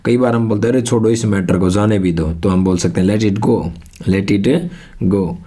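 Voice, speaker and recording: Guy from india teaching english, low mellow voice, says each phrase twice real slow. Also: fairly even intonation. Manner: repeats each English phrase slowly, drill-like; explains patiently with rhetorical questions. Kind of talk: spoken language lesson.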